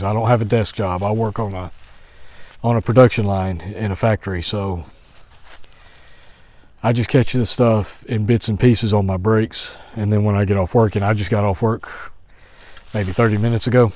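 A man in his forties walking outdoors through woods, thinking out loud in a hesitant commentary with many restarts, recorded on a phone held at arm's length. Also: fairly low pitch. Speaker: vlogger. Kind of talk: walk-and-talk commentary.

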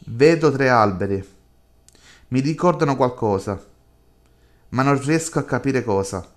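A lonely young woman who has withdrawn from the world, as a man reads her lines in a slow, unhurried, subdued voice. The delivery stays flat and quiet, the way a game's dialogue is read aloud. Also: medium pitch, natural voice.

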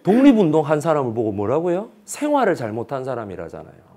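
A man's voice: mid-range voice, fast. A man with a Busan Gyeongsang accent giving a history lecture as a story, acting out the voices of the people he quotes. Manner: animated, acts out quoted voices.

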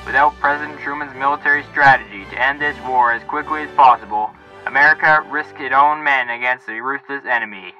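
A man narrates in the manner of an old newsreel, declaiming each line with a proud, patriotic announcer's push. His voice sits at an ordinary pitch for a man. The sound is dull and lo-fi, with faint music running under it. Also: steady tone, brisk, few pauses.

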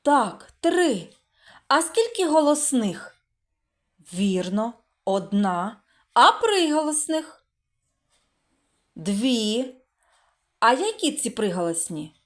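A woman teacher talks to small children in a slow, deliberate way, drawing out each sound so they can hear it. Her questions rise and fall in a lively, sing-song way, pitched a little high, and she answers them herself with praise. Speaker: primary school teacher. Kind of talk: recorded literacy lesson for young children.

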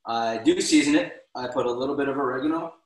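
A middle-aged American man, appearing as a guest cook, casually explains a recipe over a laptop video call from his home kitchen, restarting now and then. He talks fast at medium pitch in an echoey room with a noisy background.

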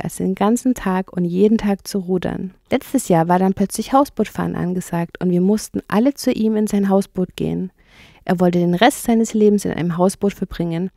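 A cheerful male water rat for a children's audiobook, voiced by a woman. He sounds high, lively and friendly, with a slightly gravelly edge. The recording is close and dry. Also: dry recording, close to an everyday voice.

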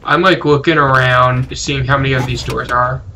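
A man's voice: medium pitch, steady tone, moderate pace, noisy background. A man giving casual gameplay commentary as a gaming channel host, rambling and often correcting himself as he talks. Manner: rambling, self-correcting, chatty.

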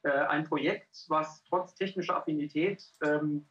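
Hesitant man with a higher voice on a call. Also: fairly even intonation, fairly bright tone. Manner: many filler sounds, halting phrasing. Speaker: cultural scientist and pianist presenting a research project. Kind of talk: hesitant presentation on a video call. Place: indoor room. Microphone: headset on a video call. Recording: dull lo-fi call audio.

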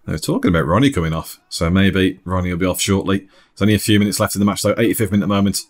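Guy doing chill football commentary, lowish voice, chuckles a lot. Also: racing. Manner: relaxed, chatty, laughs often. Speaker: match commentator. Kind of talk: sports commentary voice-over.

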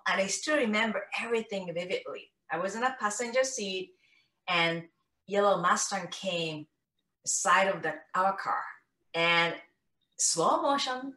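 A Japanese woman in her fifties with a Japanese accent, telling her story as an interview guest in an animated way on a video call from home. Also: fairly low pitch. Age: 50s. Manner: animated, gestures a lot, acts out what she recalls. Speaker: guest, founder of a face exercise method. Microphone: laptop webcam mic on a video call. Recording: roomy, slightly distant video call audio.

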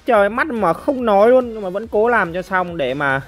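A woman giving lively gameplay commentary as a mobile game streamer, chatting to viewers and making shooting sound effects. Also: medium pitch, moderate pace, soft background music.

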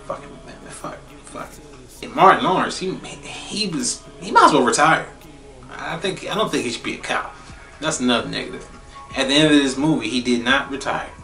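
A young man giving a casual spoiler movie review, profane and blunt, repeating phrases for emphasis and jumping into high exclaims. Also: a little fast, recorded from a distance. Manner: animated, jumps into high exclaims. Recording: roomy echo, a bit off-mic, faint music behind.

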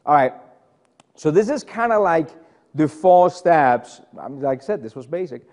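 A man's voice: on the high side, expressive, normal speed, a little mellow, long reverb tail. A middle-aged man from Denmark with a Danish accent, presenting a technical session in a casual, chatty way full of fillers and self-deprecating asides. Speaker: conference presenter. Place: conference room.

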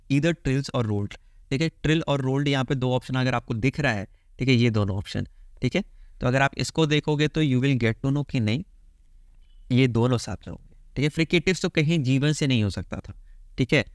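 A male teacher from India going through an exam answer key, mixing Hindi and English with frequent "theek hai" fillers and slowly spelling out letters and syllables. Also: medium pitch, no room sound, studio quality. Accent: Hindi-English mix from India. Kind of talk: answer key walkthrough lesson.

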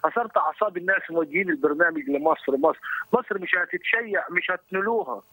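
Rapid indignant Egyptian caller. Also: male voice, high-pitched, vocal fry, sharp tone, poor audio. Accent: Egyptian Arabic. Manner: indignant, pleading, rapid-fire protests. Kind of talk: heated phone-in debate. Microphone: phone line.

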